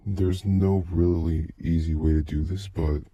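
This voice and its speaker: A man's voice pushed very deep by a voice changer. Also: fairly even intonation, mellow, no echo, muffled recording. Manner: slow, halting, brooding delivery. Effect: deep pitch-shifting voice changer. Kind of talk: first-person scripted narration of a recorded tape.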